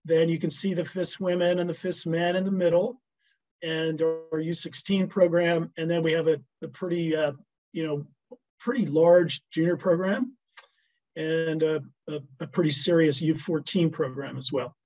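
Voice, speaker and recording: Brief: man, somewhat high voice, coach giving a halting video-call presentation. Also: fairly even intonation, a little mellow, lo-fi sound. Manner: hesitant, many restarts and fillers. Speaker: ski coach presenting program.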